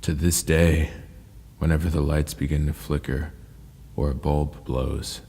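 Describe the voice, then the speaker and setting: A man narrating scary first-person stories in a slow, ominous storytelling manner. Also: very deep voice, little pitch movement, dark tone. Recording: long reverb with faint ambient noise.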